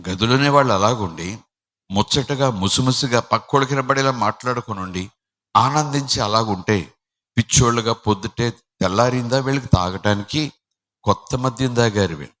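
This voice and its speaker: A man pastor giving a Sunday sermon, preaching with passion and moving between loud emphasis and hushed asides. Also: medium pitch, in a large hall.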